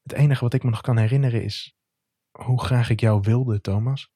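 A man voicing an eager, friendly man who turns gently flirtatious, in a romantic audio story. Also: medium pitch, moderate pace, creaky, no room sound, studio quality, natural voice. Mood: tender. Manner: lively, then hushed and tender.

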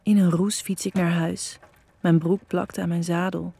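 Soft husky woman storyteller. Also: on the low side, flat delivery, no room sound. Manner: soft, intimate, unhurried delivery. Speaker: narrator. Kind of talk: scripted erotic story narration.

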